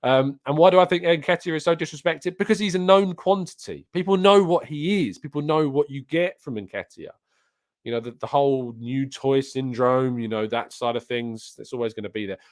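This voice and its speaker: A man's voice: medium pitch, moderate pace, no room sound. A British man hosting a live football talk show, chatting casually and with opinions as he reads and answers viewer comments, close on a studio microphone. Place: soundproofed home studio setup. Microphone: close studio microphone on an arm with pop filter.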